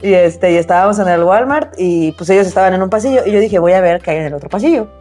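A young woman with a Mexican accent, co-hosting a casual chat and telling stories in an animated way, full of slang fillers. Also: fairly low pitch, fast talker, faint music behind. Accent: Mexican Spanish. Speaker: podcast co-host.

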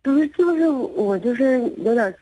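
A man with a Northeastern Chinese accent on a casual advice call to a radio show, speaking haltingly. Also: very high voice, animated, warm tone, slight background noise, low-quality recording. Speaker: caller.

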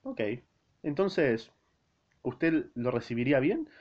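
A man's voice: a little high, big pitch swings, takes it slowly. A disguised, lovesick shoemaker asks trembling questions, as a man reads him out in his own voice. The recording is dull and lo-fi. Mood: hesitant. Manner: hesitant, questioning.

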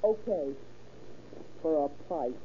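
A woman's voice: sits low, animated, slow pace. A woman playing a brassy, defiant American gangster's wife in an old radio crime drama, wisecracking in tough slang. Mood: wary, yielding. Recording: muffled, hissy vintage radio recording.

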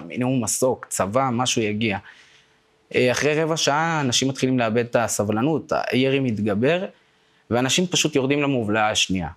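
A man in his twenties giving personal testimony in a casual, slangy way, with broken-off phrases and repeated words. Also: mid-range voice. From Israel. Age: 20s.

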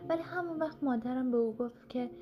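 A woman narrating a first-person short story in a measured, earnest way. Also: high voice, dull audio. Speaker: audiobook narrator. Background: background instrumental music.

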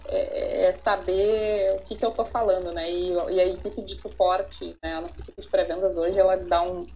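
A woman's voice: mid-range voice, darkish tone. A Brazilian woman in her thirties, an interviewee telling personal stories in an earnest way and often tagging her sentences with a questioning word. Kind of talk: reflective personal storytelling. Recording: slightly dull audio with faint noise.

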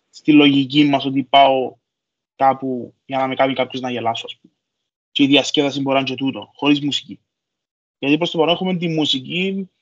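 A man's voice: mid-range voice, highs cut off. A man from Cyprus with a Cypriot Greek accent, chatting casually and colloquially on a podcast. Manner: colloquial, repeats filler phrases.

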